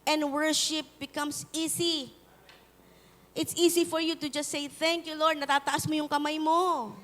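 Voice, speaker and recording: High-voiced Filipino woman pastor preaching. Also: a little slow. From Philippines. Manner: mixes Tagalog and English, animated storytelling with call-and-response. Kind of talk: sermon. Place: church hall. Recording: hall reverb in a church.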